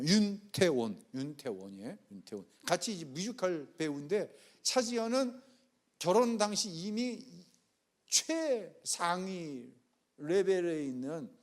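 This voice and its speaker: A man preaching a sermon as pastor, telling a story and acting out the people's quoted lines with changing loudness. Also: on the high side. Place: church sanctuary.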